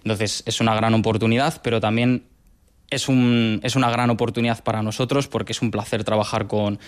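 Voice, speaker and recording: A man in his twenties from Madrid, a doctoral researcher explaining his work in a lab in a measured, patient way with small restarts. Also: fairly low pitch, fairly even intonation. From Madrid, Spain. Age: 20s. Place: research laboratory.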